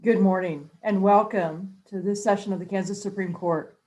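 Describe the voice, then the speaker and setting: An American woman speaking as a presiding judge, addressing a court in a measured, official manner. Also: medium pitch, steady tone, a little mellow, rough recording. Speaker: chief justice presiding in court.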